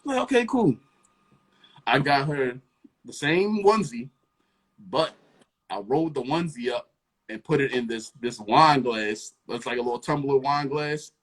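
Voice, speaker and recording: A young man, a rapper and producer, telling a casual story with animated energy and acting out the voices of the people in it. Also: mid-range voice, normal speed.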